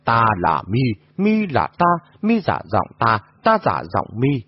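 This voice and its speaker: A man's voice: mid-range voice, huge pitch swings, slow pace, husky, heavily acted. A man voicing a mysterious shape-shifting trickster who mockingly echoes other people's words. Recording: dull lo-fi audio.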